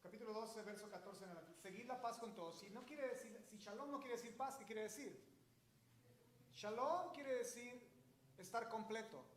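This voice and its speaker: A man's voice: high-pitched, moderate pace, roomy sound, a little hiss or hum. A man preaching a sermon as pastor, emphatic and explaining Hebrew words to his congregation. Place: church sanctuary.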